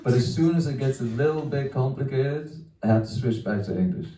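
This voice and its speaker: Brisk and dark-toned, a young Welshman's mid-range voice reaches a distant mic in an echoey small comedy venue, with slight background noise. Doing stand-up, he rambles self-deprecatingly, swears and drifts off into laughter.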